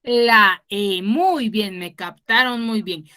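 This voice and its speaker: Woman teacher quizzing pupils online; bright, clear voice, unhurried delivery. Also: medium pitch. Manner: quizzing students, explains patiently. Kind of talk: online class instruction. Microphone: video call.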